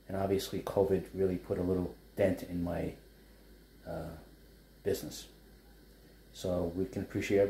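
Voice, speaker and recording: Stirring a wok in his home living-room kitchen, a fifties-aged chef and food blogger with a New York accent rambles chattily about his cooking and his small business. His voice is deep and dark-toned, recorded with roomy home acoustics and a slight hiss or hum.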